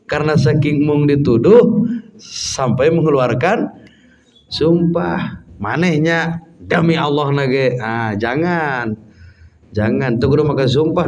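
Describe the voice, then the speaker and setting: A man with a Sundanese accent, an Islamic preacher giving an unhurried, chatty religious study lecture, sometimes mimicking local dialects. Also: on the high side, darkish tone. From West Java, Indonesia. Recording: distant mic, dull lo-fi sound, faint background hum.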